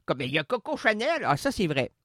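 Sex: man. Role: comedian. Style: improvised comic monologue, punning and self-interrupting. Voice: very lively pitch, dry close recording. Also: a little fast, no echo. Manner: animated, wordplay-heavy, self-interrupting.

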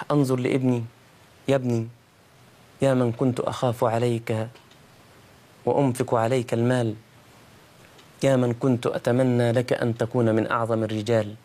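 Fervent Egyptian preacher. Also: male voice, darkish tone. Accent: Egyptian Arabic. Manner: climbs to high fervent pitch in emotional passages. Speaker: preacher hosting a call-in show. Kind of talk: impassioned sermon.

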